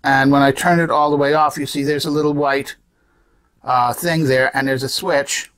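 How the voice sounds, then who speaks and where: This man, in his 70s, gives an unscripted demonstration of old gadgets at a moderate pace, his medium-pitched voice steady and a bit bright. He explains things by raising questions and then answering them himself.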